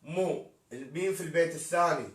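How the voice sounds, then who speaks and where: A man's voice: fairly high pitch, fast talker. A man teaching poetic meter in a live-streamed lesson, spelling out words letter by letter as he explains. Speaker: poetry teacher. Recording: echoey room, distant mic.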